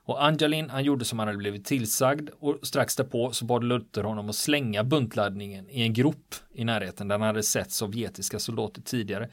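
A man of medium pitch tells a wartime story in a relaxed, conversational way. He retells it vividly, with plenty of drive, and slips into the quoted lines of the people in the story. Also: hardly any pauses, no room sound. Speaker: storyteller recounting wartime history. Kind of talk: casual spoken history telling. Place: on the island where the events happened.

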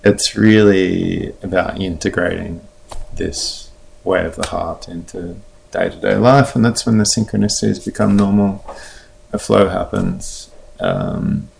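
A man with an Australian accent, a podcast guest telling a story in a relaxed, chatty way and acting out the dialogue. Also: deep voice, a little slow, vocal fry, slight background noise. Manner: lively retelling, acts out quoted dialogue in a raised voice. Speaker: podcast guest, heart mentor. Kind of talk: casual storytelling.

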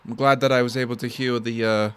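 A man voicing a calm, stern male cleric who talks politely and haltingly in a tabletop game. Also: mid-range voice, smooth, close to an everyday voice. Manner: polite, halting, with many restarts. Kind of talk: tabletop role-play.

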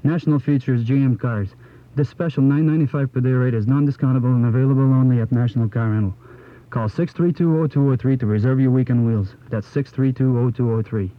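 Male announcer for an upbeat old-time radio ad, rapid scripted delivery, dull lo-fi sound. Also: mid-range voice, no echo. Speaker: advertising announcer.

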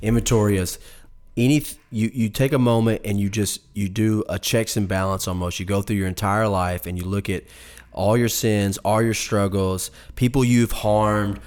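Brief: male co-host, a bit low, lively storyteller, explains things for listeners. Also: normal speed. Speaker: podcast co-host. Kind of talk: casual faith podcast chat.

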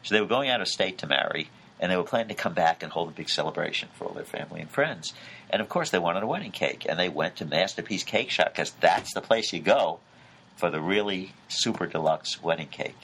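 Man, middle-aged, very deep voice, measured legal explanation, frequent "uh" fillers, faint background noise. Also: lively intonation, fairly bright tone, rough recording. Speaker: legal commentator.

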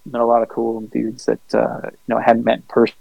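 A man with a gravelly, mid-pitched voice chats casually as a podcast co-host. He rambles along in a laid-back way, cursing freely and leaning on fillers. The sound is dry and close, with no room around him. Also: completely flat delivery, quick pace, dry recording, dull audio. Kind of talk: casual storytelling chat.

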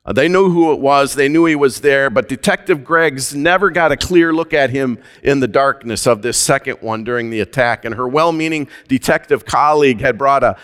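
A man preaching a sermon as pastor, measured and deliberate, with slow emphatic phrases. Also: mid-range voice, a bit bright, clear, resonant tone, in a large hall.

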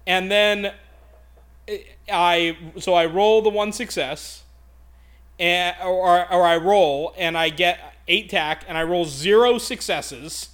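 High-voiced man ranting with heavy swearing. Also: takes it slowly, smooth. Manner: animated, profane ranting storyteller. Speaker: podcast co-host. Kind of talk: casual podcast chat.

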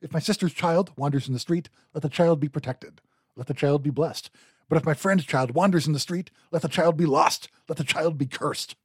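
A man's voice: on the high side, quick pace, warm tone, no room sound, studio quality, lightly acted. A man reading the part of a doomed young shepherd god, pleading in formal, chant-like lines. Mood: lamenting. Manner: lamenting, formal incantatory reading.

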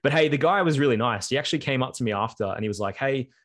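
A man's voice: mid-range voice, lively intonation, rapid-fire, a bit bright. Young man telling a rambling story. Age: young adult. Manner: rambling storyteller, many fillers. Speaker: podcast co-host. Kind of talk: casual podcast chat.

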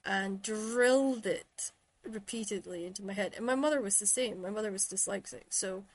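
A woman's voice: mid-range voice, moderate pace. A woman from Shetland with an American-influenced accent, chatting casually and telling stories through quoted exchanges. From Shetland, Scotland. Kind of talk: casual chat.

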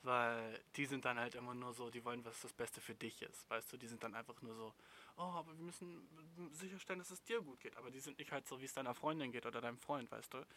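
A man's voice: medium pitch, flat delivery, fast talker, few pauses, pushed and bright, slight background noise. Young man, slangy casual talk, blunt and mocking, answering viewer messages. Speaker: advice streamer reading viewer messages.

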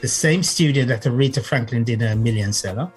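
A man explaining as a knowledgeable guest, halting in phrases and repeating points for emphasis. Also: medium pitch, faint music behind. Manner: halting, emphatic repetition, checks with "right?" and "you see". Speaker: guest music author and historian. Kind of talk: explanatory conversation.

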